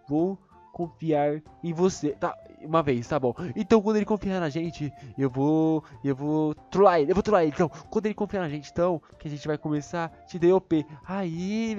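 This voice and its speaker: Brazilian man, high and excitable, for lively gameplay commentary with squealing outbursts; slightly lo-fi audio. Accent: Brazilian Portuguese. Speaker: gaming video creator.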